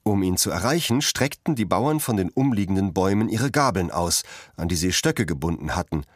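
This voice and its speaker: Expressive low-voiced male reader. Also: fairly quick, dry recording, clean studio sound. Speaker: narrator reading a novel excerpt. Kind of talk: literary reading.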